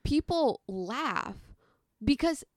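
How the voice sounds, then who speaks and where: This storyteller guest, a U.S. woman in her thirties, has a high-sitting voice and draws out her words. After some casual chat, she tells a personal story in the present tense, acting out the quoted voices with energy, in clean studio sound without room echo.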